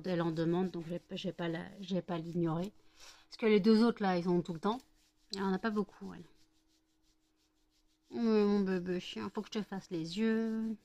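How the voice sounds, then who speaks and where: A woman's voice: medium pitch, a little mellow. A middle-aged woman from France chatting casually in a home vlog, rambling with many fillers and cooing baby talk to her dogs. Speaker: vlogger.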